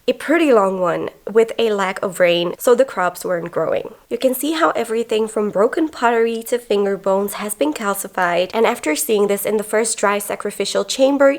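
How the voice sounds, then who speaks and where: A woman's voice: a little high, gravelly. A woman narrating a travel vlog, chatty and enthusiastic as she explains and recaps her experiences. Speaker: travel vlogger.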